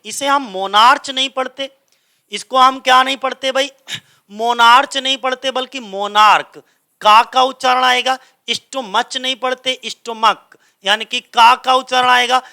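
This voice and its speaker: A man's voice: extremely high pitch, bright, forceful tone, smooth. A man teaching English grammar in a coaching class, speaking. He keeps asking the class a question and then answering it himself.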